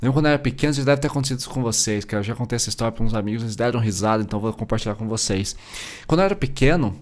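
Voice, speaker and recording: Man in his forties, Brazilian accent, rapid speech, mid-pitched voice, casual podcast talk. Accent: Brazilian Portuguese. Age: 40s. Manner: chatty, many fillers and asides. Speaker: podcast host and therapist.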